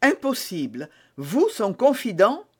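A man's voice: high voice, huge pitch swings, slow, darkish tone, breathy edge, voice pushed up, exaggerated voice. A man reading an audiobook voices a desperate, scheming woman prisoner who pleads and prays in a tearful, theatrical way. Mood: pleading, indignant.

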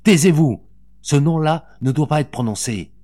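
A man's voice: fairly low pitch, animated, normal speed, slightly rough. A man voicing a fierce protective mother. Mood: commanding. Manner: commanding, forceful.

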